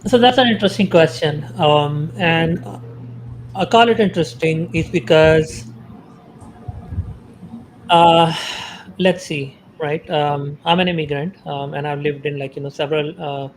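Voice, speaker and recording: Halting man from Pakistan, faint hiss. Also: a little high, steady tone, poor audio. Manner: halting, many fillers and restarts. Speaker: podcast guest. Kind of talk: casual podcast interview.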